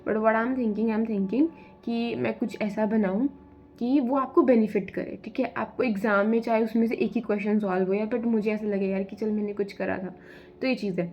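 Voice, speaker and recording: A woman's voice: a little high, fairly even intonation, moderate pace, lo-fi sound, soft background music. A young woman talking casually in a study vlog, chatting and mixing English phrases into her Hindi. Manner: chatty, mixes English phrases into Hindi, says "yaar" often. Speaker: vlogger preparing for civil services exam.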